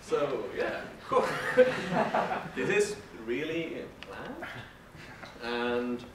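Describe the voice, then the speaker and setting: A man's voice: medium pitch, very animated, drawn-out words. A man speaking casually at a conference, rambling and self-deprecating. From Finland. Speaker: conference speaker, sound designer. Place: large conference hall. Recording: echoey hall, distant mic, faint noise.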